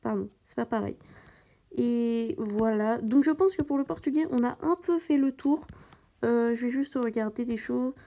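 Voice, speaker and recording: A woman's voice: a little high, moderate pace, mellow. A woman giving casual gameplay commentary, hesitant and full of fillers and restarts as she talks through the game. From French-speaking. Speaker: gaming channel host.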